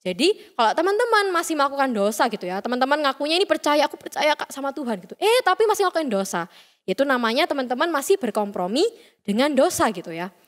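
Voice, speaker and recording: Fast, high-voiced young woman preaching. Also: very animated, a bit bright. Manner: chatty, playful, acts out quoted voices. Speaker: youth service speaker. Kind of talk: youth sermon. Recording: reverberant hall sound.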